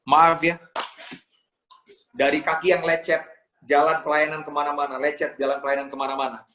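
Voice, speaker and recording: A man's voice: fairly high pitch, little pitch movement, normal speed, sharp tone, slight background noise. Impassioned young male pastor. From Indonesia. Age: young adult. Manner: emotional, dramatic storytelling, acts out pleading voices. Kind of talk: sermon.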